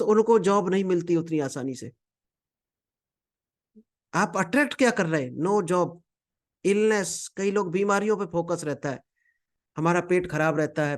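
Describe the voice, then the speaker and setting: A man delivers a motivational training talk over slides. His voice sits high for a man, and he keeps it conversational, addressing listeners as a friend and slipping in English phrases.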